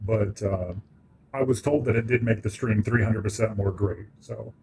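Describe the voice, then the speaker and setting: A man streaming a game, his voice run through a warbly pitch-shifting voice changer, making offhand joking asides. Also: steady tone, moderate pace, mellow, slight background noise. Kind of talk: casual let's-play commentary.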